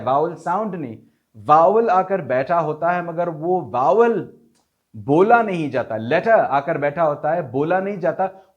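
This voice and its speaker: Male teacher, slightly high voice, very slow and deliberate, repeats each example word and spells it out. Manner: explains slowly, repeats example words, spells them out letter by letter; Urdu-leaning Hindustani vocabulary. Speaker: English pronunciation teacher. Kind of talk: spoken lesson.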